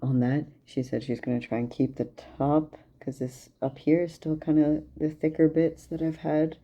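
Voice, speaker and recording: This tired young vlogger's voice is on the high side, mellow, and level in tone at a normal speed as he rambles candidly with lots of fillers. He records his casual video diary on a camera propped near a plant, which yields dull lo-fi audio.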